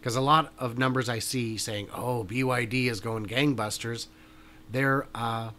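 A man's voice: medium pitch, steady tone, a little slow, pushed and bright, a little hiss or hum. A man co-hosting a casual news chat show, joking around and thinking aloud. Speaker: podcast co-host.

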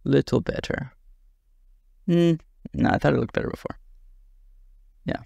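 Man, gravelly fry, casual self-deprecating tutorial instructor, close dry mic. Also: mid-range voice, unhurried, darkish tone, no room sound. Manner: chatty, self-deprecating, thinks aloud. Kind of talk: casual screen-recorded tutorial.

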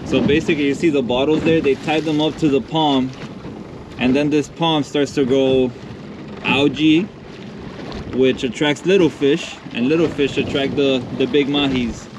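A man's voice: mid-range voice, fairly even intonation, unhurried. A man in his thirties, a travel vlogger hosting casually to camera in an upbeat, easygoing way from a small boat at sea. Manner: upbeat, easygoing, switches to English for viewers. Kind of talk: casual vlog narration to camera. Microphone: action camera. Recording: loud wind and boat noise.

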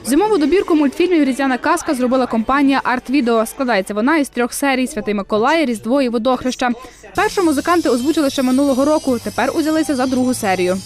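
A woman reporter with a very high-pitched voice. She reads a scripted news voice-over at a rapid pace. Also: animated, soft background music.

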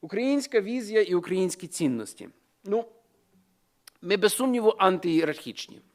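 A man's voice: high-pitched, sing-song, normal speed, darkish tone. A man from Ukraine, an economic sociologist giving an expert talk in a lecture style, thinking aloud with frequent fillers and restarts.

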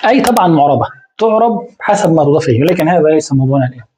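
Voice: mid-range voice, expressive, racing, dark tone, slight background noise. A grammar teacher explaining a lesson, tossing out rhetorical questions and answering them, repeating key terms again and again.

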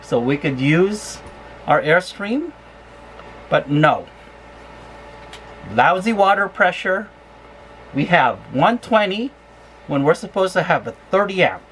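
A woman's voice: on the low side, big pitch swings, slow, long pauses, a little hiss or hum. A woman travel vlogger ranting angrily and swearing about her RV campsite. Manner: furious, profane complaining. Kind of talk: angry vlog rant.

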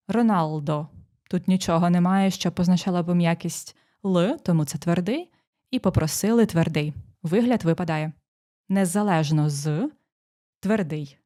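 A woman teacher explaining exam phonetics, pronouncing sample words slowly and walking through each rule step by step. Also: fairly low pitch, dark tone. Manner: dictating sounds slowly, explaining rules step by step. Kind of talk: exam prep lesson.

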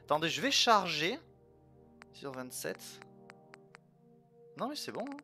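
A man's voice: fairly high pitch, sing-song, unhurried, over music. A man streaming a video game, chatting casually and thinking aloud with lots of fillers and playful jokey asides. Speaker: let's play streamer. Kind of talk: casual gameplay commentary.

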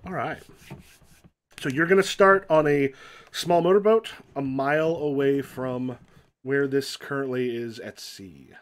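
A man's voice: mid-range voice, measured pace. A man acting as game master, telling jokey stories and wry asides between game narration. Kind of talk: improvised tabletop game narration and banter.

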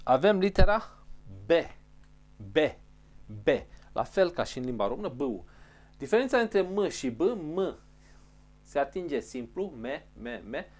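A man's voice: a little high, big pitch swings, long pauses. A man teaching a pronunciation lesson, patiently repeating each sound and carefully explaining how it is formed. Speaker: language teacher.

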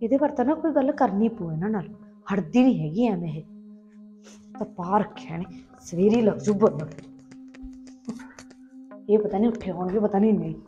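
A woman's voice: high-pitched, quick pace, lo-fi sound, soft background music, close to an everyday voice. A woman playing an aggrieved young wife who complains about her sister-in-law. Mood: grumbling. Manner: complaining, indignant. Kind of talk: Punjabi family sketch acting.

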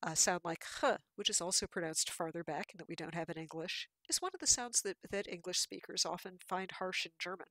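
A woman's voice: lowish voice, fairly quick, hardly any pauses, sharp tone, dry recording. A woman giving a patient, explanatory lecture with slides, with fillers and restarts.

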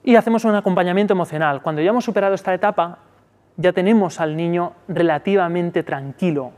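A man with a Spanish accent giving a live workshop talk on child tantrums, checking in often with a quick "¿vale?". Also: a little mellow, big-room sound. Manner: peppers sentences with "¿vale?"; acts out soothing talk to a child in a high voice. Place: conference room.

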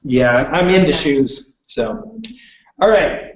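A man from western Canada gives a live workshop presentation, chatty and conversational, often pausing to check in with "okay?". His voice sits a little high for a man. It comes from away from the microphone in a roomy hall, with a dull, muffled sound. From British Columbia, Canada. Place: presentation room with audience. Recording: roomy, distant, dull room recording.

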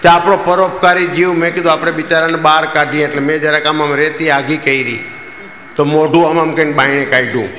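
Man, stand-up comedian, Kathiawadi Gujarati accent, bright forceful voice, folksy storytelling, echoey hall. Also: a little high, steady tone, brisk, slight background noise. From Jamnagar, Gujarat. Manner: folksy storytelling, acting out dialogue. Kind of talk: stand-up joke telling. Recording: echoey hall, live stage.

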